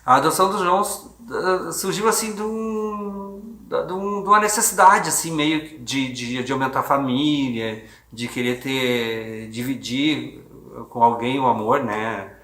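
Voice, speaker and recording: A man's voice: medium pitch, unhurried, pushed and bright. A man, an adoptive father telling his story in a hesitant documentary interview with many restarts. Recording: echoey room on a phone.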